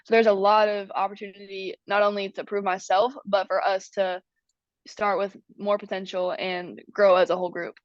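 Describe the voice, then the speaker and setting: A teenage girl, a high school senior, chatting easily and laughing as a podcast guest. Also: little pitch movement, moderate pace, dry recording. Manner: upbeat, giggly, easygoing. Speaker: guest athlete. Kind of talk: casual interview chat. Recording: dry dull sound.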